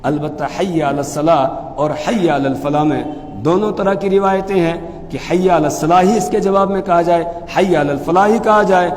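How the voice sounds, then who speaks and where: A man teaching as a mufti, explaining pronunciation calmly and then chanting phrases slowly and loudly. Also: fairly high pitch, in a large hall. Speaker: mufti teaching the call to prayer. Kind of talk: religious lesson with chanted demonstrations.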